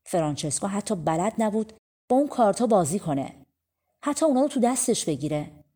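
A woman's voice: medium pitch, sing-song, dark tone, slightly rough. A woman narrating a folk tale audiobook in a casual, colloquial storytelling manner.

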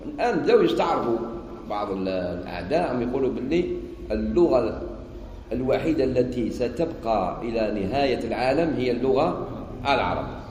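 A man's voice: mid-range voice, animated, fast, a little mellow. A man with an Algerian Arabic accent teaching Quran commentary in an informal way, quizzing his listeners and answering the questions himself. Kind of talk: informal religious lesson in dialect. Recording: echoey hall with long reverb.

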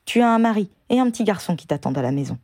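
A woman reading the lines of a calm, caring young male wizard in an audiobook, speaking in a reassuring way. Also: mid-range voice, racing, no echo, clean studio sound, voice pushed up.

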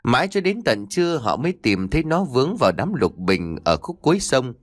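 A man's voice: medium pitch, big pitch swings, a little fast, no echo, studio quality. A man narrating a sad ghost story as an audiobook, reading dramatically.

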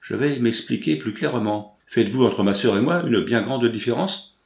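Brief: man reading a bold, quick young heroine, eager and direct; roomy recording. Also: mid-range voice, creaky, darkish tone, close to an everyday voice. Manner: eager, pressing questions. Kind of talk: audiobook dialogue reading.

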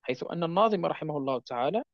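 A man teaching a tajweed lesson, explaining rules patiently and drawing out example words slowly. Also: a little high, animated, no echo. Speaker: Quran recitation teacher. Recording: dry, dull lo-fi sound.

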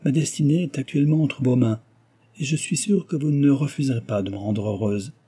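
A man's voice: medium pitch, fairly quick, dark tone, husky, pitched above the performer's own voice, natural voice. A man voicing a distressed married woman who eagerly begs for a favour in a read-aloud novel. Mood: pleading. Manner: eager and beseeching.

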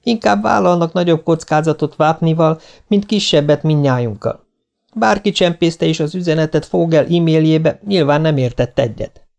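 A man voicing a female mission commander, firm and deliberate. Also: on the high side, creaky, a little mellow, voice pushed up. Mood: explaining.

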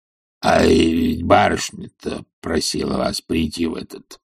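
A man's voice: a bass voice, little pitch movement, measured pace, creaky, slightly rough, no echo, clean studio sound, exaggerated voice. A man voicing an old, stubborn male servant who mutters sullenly, in an audiobook. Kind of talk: audiobook character reading.

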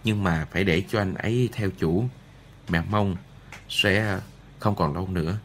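A man voicing a gentle, kind noblewoman and mother in an audiobook, speaking softly. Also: sits low, measured pace, a little hiss or hum. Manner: soft, gentle.

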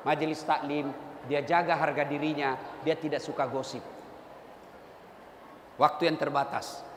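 A man preaching a humorous sermon to a women's study group, lively and teasing, shouting his punchlines, in an echoey hall. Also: high voice, slight background noise. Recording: echoey hall with faint ambience.

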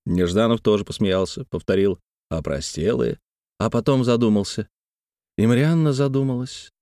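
A man narrating a literary audiobook in an even, measured reading. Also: medium pitch, dry recording, studio quality.

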